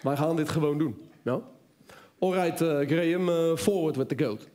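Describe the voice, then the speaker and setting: A man's voice: on the high side, normal speed, mellow, pitched below the performer's own voice, lightly acted. A man doing a stubborn old father in his seventies. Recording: echoey theater with audience.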